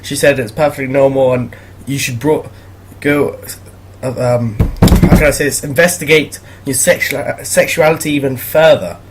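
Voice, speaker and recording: A man's voice: medium pitch, fairly even intonation, normal speed, heavy background noise. A teenage boy telling awkward school stories in a casual, rambling way, laughing as he goes. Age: teens. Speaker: vlogger. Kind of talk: casual storytelling commentary.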